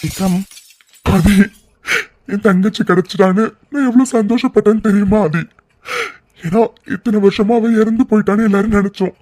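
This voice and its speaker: A voice actor playing a calm family man in a cartoon, speaking in a soothing, gentle way. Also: medium pitch, moderate pace, close to an everyday voice. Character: calm, comforting family man consoling his crying wife.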